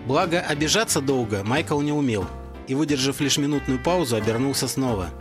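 A man's voice: medium pitch, animated, fairly quick, over music. A man narrating a story as an audiobook reader. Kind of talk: scripted narration.

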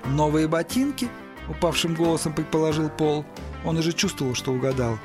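A man's voice: on the high side, fairly even intonation, fairly quick, over music. A man narrating a story expressively as an audiobook reader. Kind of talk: scripted narration.

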